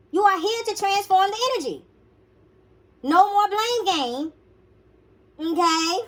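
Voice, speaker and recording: A woman's voice: extremely high pitch, a bit bright. A woman giving a blunt, profane motivational sermon to her listeners, casual and slangy, repeating her commands with emphasis. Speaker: spiritual teacher.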